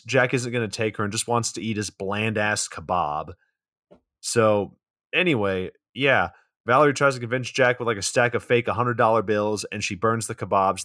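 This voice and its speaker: A man's voice: on the low side, a bit bright, no room sound. A man co-hosting a podcast, casually recapping a film plot with dry, profane asides. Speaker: podcast co-host. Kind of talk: casual movie recap chat.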